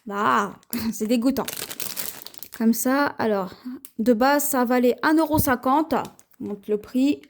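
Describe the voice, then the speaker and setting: A woman with a French accent, chatting slowly through a haul video at home, showing her purchases with many pauses and fillers. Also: fairly high pitch, a little hiss or hum. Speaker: haul vlogger. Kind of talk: casual haul video, showing items to camera.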